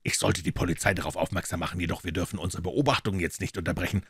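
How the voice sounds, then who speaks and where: A man voicing a calm, incisive male master detective in a measured, deliberate way. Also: deep voice, husky, no echo, clean studio sound, heavily acted.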